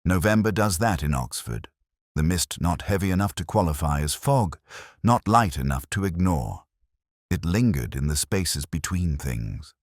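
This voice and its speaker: Cast as a tired, ageing police detective, a deep-voiced man narrates expressively in a measured, literary, wry and reflective style. The audio drama is recorded dry, with clean studio quality.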